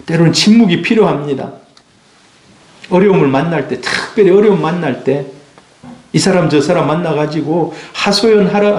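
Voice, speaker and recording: A man's voice: fairly high pitch, darkish tone. A man preaching a sermon as a pastor, emphatic and full of rhetorical questions to his congregation. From South Korea. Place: church sanctuary. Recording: echoey church hall.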